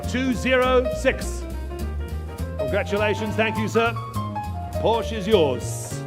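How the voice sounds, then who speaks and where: A man's voice: sits high, lively intonation, slow pace, loud music behind the voice. A man working as an auctioneer, calling bids live in a repetitive chant of numbers and filler phrases.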